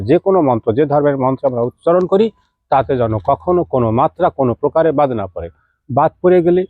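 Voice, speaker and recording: A man's voice: medium pitch, dry recording. A man speaking in an explains folk remedies to his viewers in an easy, chatty teaching manner. He breaks in with direct questions to his listeners as he goes. The recording is dry and dull, with a lo-fi tone. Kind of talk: casual spoken instruction to viewers.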